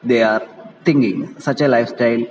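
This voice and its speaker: Teaching a play, this Indian English-accented man reads it aloud and explains each point, frequently repeating and rewording. His mid-range voice is fairly even in intonation, moderately paced and darkish in tone. The recording is muffled, with reverberant echo and background noise.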